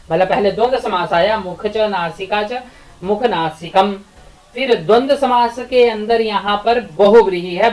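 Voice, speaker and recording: A woman lecturing on Sanskrit grammar in a recorded lesson, working through each rule step by step. She repeats key terms and poses rhetorical questions. Verses get a steady, measured chant. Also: mid-range voice, low-quality recording.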